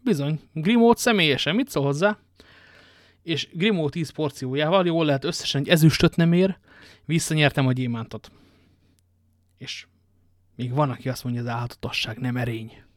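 A man's voice: fairly high pitch, pauses often, no echo, studio quality, natural voice. Athos, a man doing a wry musketeer. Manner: languid, ironic storytelling. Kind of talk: audiobook reading.

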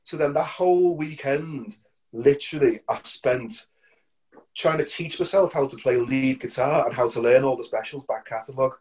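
Middle-aged male musician guest, chatty, animated anecdotes with restarts and laughter, mid-pitched voice. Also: normal speed. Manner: animated, repeats words, laughs often. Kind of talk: casual anecdotal storytelling.

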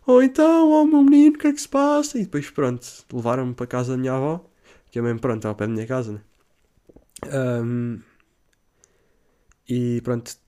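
A young man with a European Portuguese accent tells a story in casual, profane, rambling talk, with English slang mixed in and high shouts as he acts out his own cries.

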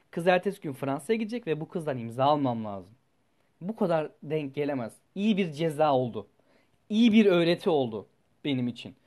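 A young man, a student, telling a personal story in a rambling, animated way and swearing freely. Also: high-pitched. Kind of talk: casual storytelling vlog.

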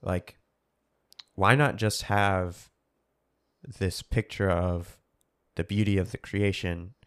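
A man's voice: sits low, steady tone, takes it slowly, a bit bright, clear, resonant tone. A man co-hosting a casual book discussion podcast, thinking aloud and putting questions to the others. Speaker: podcast co-host.

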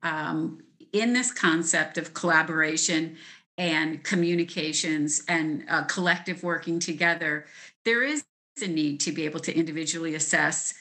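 Bright-voiced woman educator, low pitch. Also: moderate pace. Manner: thoughtful, explains step by step. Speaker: teacher of gifted students, podcast guest. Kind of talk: conversational interview.

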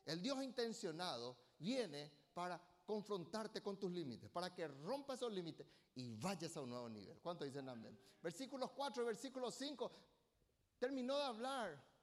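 A man preaching with a very high voice for a man. He speaks emphatically, swells into loud passages and keeps asking the congregation for an amen. His voice rings out with a long reverb from a church hall. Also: animated, moderate pace. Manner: emphatic, rising to loud bursts, asks the congregation for amens. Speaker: pastor. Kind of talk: sermon.

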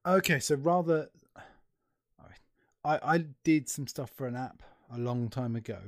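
A man's voice: medium pitch, normal speed, dry recording, clean studio sound. A middle-aged man hosting a casual conversational interview. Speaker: interview host.

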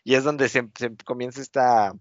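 A man with a medium-pitched voice speaks at a moderate pace with a steady tone, recorded dry on dull lo-fi audio. As a podcast co-host he casually recaps a TV episode, rambling with lots of fillers and acting out quotes with laughs.

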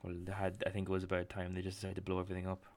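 A man co-hosting a casual sports podcast, blunt and sweary, with quick jokey asides. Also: deep voice, completely flat delivery. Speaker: podcast co-host. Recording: faint background hiss.

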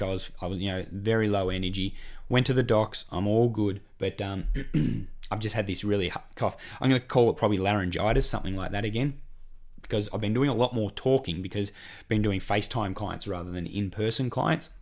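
Fairly low-pitched and fairly quick, a hoarse Australian coach hosts his weight-loss podcast solo, voice croaky from a cough. He keeps things chatty and encouraging, repeating himself often.

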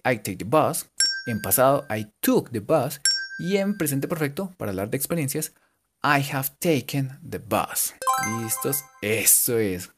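A man giving a casual, joking English lesson and repeating English words slowly for his students. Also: medium pitch. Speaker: English teacher. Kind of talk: casual bilingual language lesson.

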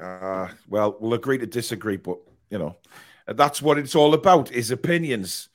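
A man hosts a live football fan debate with a badly hoarse voice. It sounds raspy and strained, and he pushes it hard to get the words out. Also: mid-range voice, normal speed. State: hoarse, strained voice from a worn-out throat.

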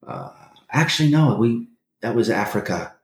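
A man's voice: mid-range voice, sing-song, moderate pace, echoey room, slight background noise. A man in his forties, a guest in a casual interview, telling his life story with many restarts and hesitations. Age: 40s.

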